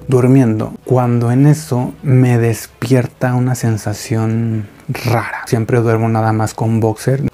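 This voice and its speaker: A man's voice: mid-range voice, warm tone. A man narrating a listener's story in a conversational way, speaking directly to his audience. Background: faint background music.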